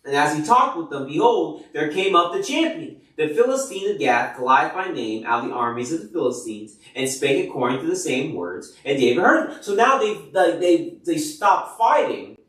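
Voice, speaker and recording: A man's voice: on the high side, very animated, moderate pace, few pauses, a bit bright. A man reading Bible passages aloud and retelling them in loose, casual words full of fillers like "like" and "you know". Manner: reads scripture then paraphrases loosely with many fillers. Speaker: Bible reader. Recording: echoey room from far off the mic.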